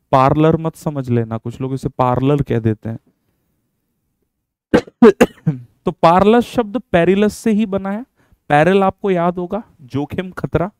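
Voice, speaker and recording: A man's voice: a little high, darkish tone, smooth, no echo. A man with an Indian accent teaching English vocabulary in an online lesson, mixing English into Hindi and asking his students rhetorical questions. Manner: chatty and encouraging, mixes English words into Hindi, asks rhetorical questions.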